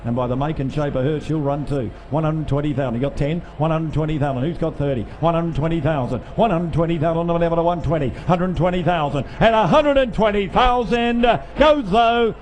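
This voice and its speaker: Male auctioneer, high-voiced, cajoling bidders with repetitive chanted figures, recorded over live sale noise. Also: fairly quick, few pauses, a little mellow. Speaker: livestock auctioneer. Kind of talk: rapid auction chant with bid calling and sales patter.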